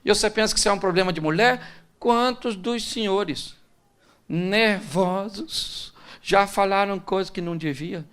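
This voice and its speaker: A man's voice: high voice, a little slow, a bit bright, clean tone. A man with a Brazilian Portuguese accent, a pastor giving a conversational, humorous sermon and speaking directly to his audience. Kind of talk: sermon on relationships.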